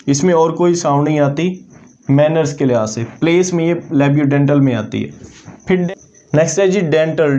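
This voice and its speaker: A man teaching an English language lesson, explaining methodically and repeating example words slowly to demonstrate them. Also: a little high, a little mellow, dull audio.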